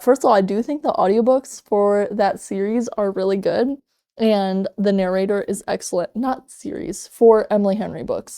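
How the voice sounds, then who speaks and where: A woman's voice: medium pitch, dark tone, smooth. A woman in her twenties chatting casually to her viewers as a book vlogger, in a loose conversational manner with frequent asides. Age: 20s. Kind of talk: casual chat to camera.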